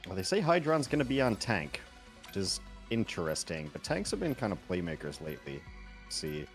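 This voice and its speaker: A man co-casting an esports stream in casual chat, trading dry, deadpan quips. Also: low voice, a little fast, soft background music.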